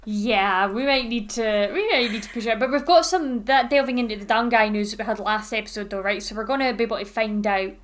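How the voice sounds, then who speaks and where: Higher-pitched Scottish woman chatting casually. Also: brisk, few pauses, slight background noise. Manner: informal, sweary. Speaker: podcast co-host. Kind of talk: casual fan podcast chat.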